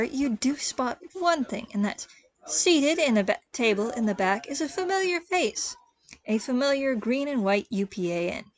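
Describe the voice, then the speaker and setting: A woman game master calmly narrating a tabletop role-play scene in a relaxed storytelling way. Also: on the high side. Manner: descriptive, relaxed storytelling with small restarts.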